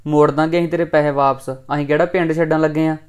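A man's voice: on the high side, little pitch movement, quick pace, smooth, close to an everyday voice. An actor playing an injured, bedridden young man, weary and placating. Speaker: injured son.

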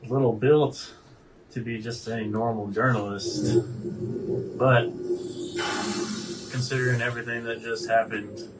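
A man speaking in character at a tabletop game in a flat, wary way. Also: mid-range voice, unhurried, pauses often. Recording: distant mic, loud noise.

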